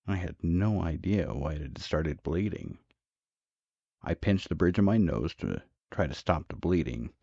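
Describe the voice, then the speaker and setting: Brief: very low, gravelly male narrator for horror tales, dry and slightly lo-fi. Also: mellow, no room sound. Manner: measured, dramatic. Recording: dull, dry, lo-fi.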